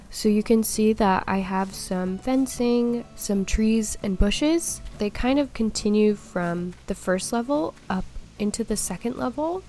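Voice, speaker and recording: Brief: young woman tutorial host, mellow tone, a bit sick and crackly, steady step-by-step tips. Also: medium pitch. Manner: calm step-by-step explaining, giving tips. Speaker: video game tutorial host. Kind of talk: tutorial voice-over over gameplay.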